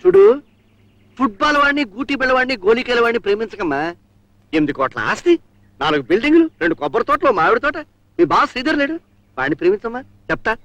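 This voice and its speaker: A man's voice: very high-pitched, sing-song, fast, bright, forceful tone, no room sound, exaggerated voice. A scheming comic father. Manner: theatrical, wheedling, repeats a pet word. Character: scheming boastful middle-aged father, comic. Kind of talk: old film drama dialogue. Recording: old film soundtrack with music.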